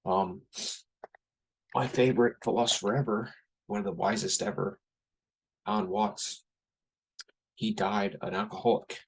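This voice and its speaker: A man in his thirties rambles through a blunt, casual solo talk, piling up fillers and restarts. His voice sits low and carries a gravelly fry with a husky edge. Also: steady tone, unhurried, pauses often, rough recording. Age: 30s. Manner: rambling, blunt, frequent fillers and self-corrections. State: has a headache. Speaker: podcast host. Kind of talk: casual spoken monologue.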